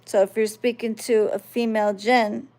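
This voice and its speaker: A spiritual channel host from the US, this woman has a fairly high, darkish voice with a level tone, speaking at normal speed. She talks to her viewers in a casual, conversational way and frequently checks that they're keeping up.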